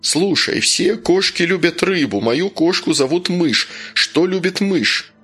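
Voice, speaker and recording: A man's voice: high voice, lively intonation, a little slow, breathy edge, faint music behind, voice pushed up, heavily acted. A man doing a desperate, shaking father. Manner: pleading then shouting, trembling. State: tearful.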